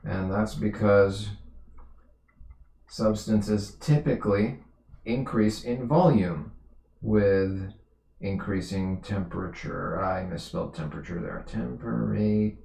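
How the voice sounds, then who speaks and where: Slow, low-voiced male physics tutor. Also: gravelly, mellow, echoey room. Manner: explanatory, repeats and corrects himself. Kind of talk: live-streamed lesson.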